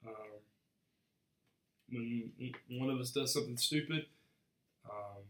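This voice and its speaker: A man's voice: medium pitch, measured pace, fairly bright tone, echoey room. A young man co-hosting a casual faith podcast, frank and earnest, often repeating words as he starts a sentence. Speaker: podcast co-host.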